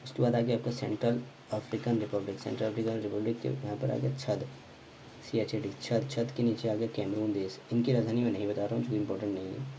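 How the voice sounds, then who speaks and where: A man teaching a quick geography revision lesson, repeating names over and over and correcting himself as he goes. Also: fairly low pitch, little pitch movement, gravelly, warm tone, slight background noise, rough recording. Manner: quick, repetitive drilling with frequent self-corrections and fillers.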